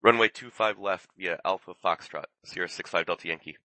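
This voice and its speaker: Man, pilot, low bright voice, over a pilot headset, radio phraseology, dry sound. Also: fairly quick, dry recording.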